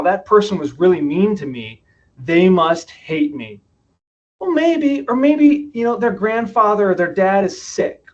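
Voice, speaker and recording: Heard through a muffled recording, this man has a voice that sits high. He's a podcast guest sharing stories conversationally and reflectively, often posing questions to himself out loud.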